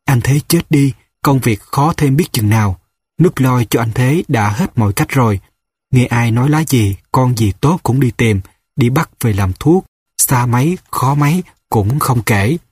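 Husky man narrating a novel. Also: mid-range voice, expressive, a little slow, darkish tone, no echo, clean studio sound. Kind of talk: audiobook narration.

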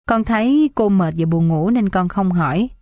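Woman reading as a soft-spoken young wife, gentle and composed, dry sound. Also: medium pitch, animated, moderate pace, dry recording, close to an everyday voice. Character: calm, dutiful young daughter-in-law.

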